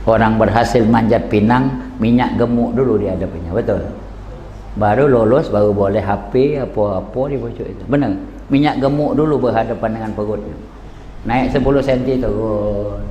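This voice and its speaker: A man in his sixties with a Palembang Malay accent, preaching an emotional sermon that swings from low talk to high cries. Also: normal speed, mellow, slight background noise. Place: large prayer hall at a religious gathering. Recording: echoey hall with long reverb.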